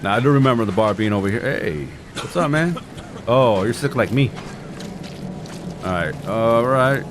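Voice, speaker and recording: A man's voice: medium pitch, lively intonation, normal speed, background noise. A man giving casual video game playthrough commentary with informal, jokey asides. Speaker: gaming streamer. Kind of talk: casual playthrough commentary, reading clues aloud.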